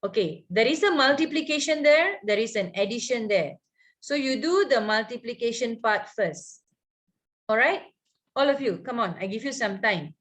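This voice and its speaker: Higher-voiced Malaysian woman teaching maths. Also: expressive, moderate pace, a bit bright. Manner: colloquial, with local particles and check questions. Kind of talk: live lesson, explaining step by step.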